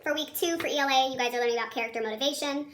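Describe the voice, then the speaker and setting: A woman teacher speaks in a very high, squeaky chipmunk voice, as if on helium. The tone is bright and sharp. She guides a children's video lesson in a chatty, encouraging, informal way. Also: racing. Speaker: elementary school teacher.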